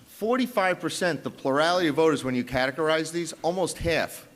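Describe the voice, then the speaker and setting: A man's voice: fairly high pitch, fairly bright tone. New York man presenting polls, echoey hall. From New York, South Bronx. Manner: emphatic, punchy, with frequent restarts. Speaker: pollster on a conference panel. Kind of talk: panel presentation of poll numbers. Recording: long reverb of a large conference hall.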